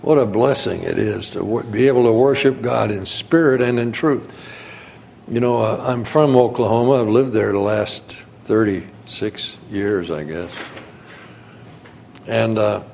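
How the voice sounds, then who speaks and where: An older man from New England giving a sermon in a conversational, folksy storytelling way with soft chuckles. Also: on the low side, unhurried, creaky, slight background noise. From Connecticut, New England. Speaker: guest preacher.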